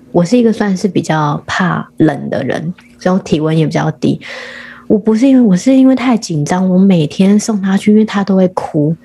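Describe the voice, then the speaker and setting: A woman's voice: mid-range voice, creaky, mellow, slightly rough. A woman, telling a long story as a podcast guest in casual chat, often restarting her sentences.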